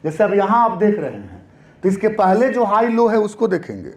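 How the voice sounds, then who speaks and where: A man's voice: high voice, sing-song, normal speed. A man teaching a trading lesson in a classroom style, repeating points and answering his own questions.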